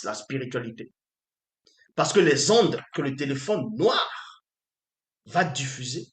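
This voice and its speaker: A man preaching with insistence, his voice sitting a little high and pushing his point again and again through pointed questions to the audience. The sound carries a roomy echo around it. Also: a bit bright. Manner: emphatic, with repeated rhetorical questions to listeners. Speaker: spiritual teacher. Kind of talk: preaching lecture.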